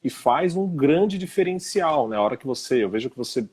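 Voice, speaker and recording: A man's voice: fairly high pitch, lively intonation, fairly quick, darkish tone, breathy edge. A man who teaches singing, hosting a live stream and chatting informally with lots of slang fillers over a video call. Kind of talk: casual chat.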